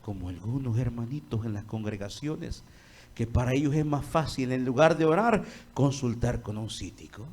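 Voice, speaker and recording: A man preaching an impassioned sermon in a church, swinging from loud to hushed. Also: fairly high pitch.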